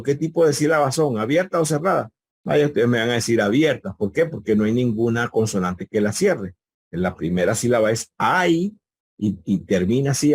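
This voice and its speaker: A man's voice: on the low side, darkish tone, no echo. A man teaching a live online Greek class over a video call, patiently repeating key words and quizzing his students.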